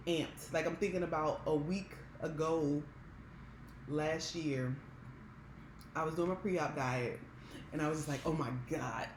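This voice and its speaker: American woman chatting candidly in an echoey room. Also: fairly low pitch. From Maryland, United States. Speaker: vlogger. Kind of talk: casual mukbang chat to viewers. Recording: roomy echo with background hiss.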